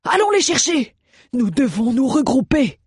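A male narrator voicing an angry veteran cavalry general who shouts orders. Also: very high voice, sing-song, normal speed, husky, dry recording, clean studio sound, pitched above the performer's own voice, heavily acted. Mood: shouting angrily.

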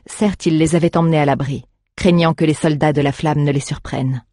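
An audiobook narrator reading a story in an even, measured way. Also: medium pitch, no echo, clean studio sound. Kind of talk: scripted narration.

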